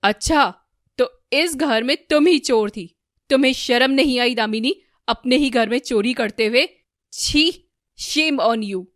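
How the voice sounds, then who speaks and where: Loud cartoon husband, voiced by a woman, dry, scolding. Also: high voice, takes it slowly, no echo, voice pushed up. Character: angry young husband, office worker.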